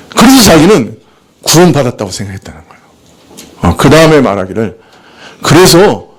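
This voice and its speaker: A man's voice: a little high, breathy edge. A man preaching a sermon as pastor, asking rhetorical questions and answering them himself, acting out quoted speech. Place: church.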